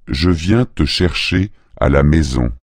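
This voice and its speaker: Deep man reading slow learner phrases. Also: expressive, dry recording, studio quality. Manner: slow, deliberate, careful. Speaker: phrase reader.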